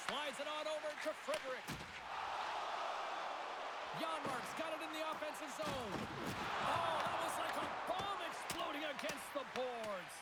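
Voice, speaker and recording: A man playing an excitable play-by-play hockey announcer in a video game, calling the action in short clipped phrases. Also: extremely high pitch. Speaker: play-by-play commentator. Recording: loud crowd and arena noise behind. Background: roaring arena crowd, game sounds.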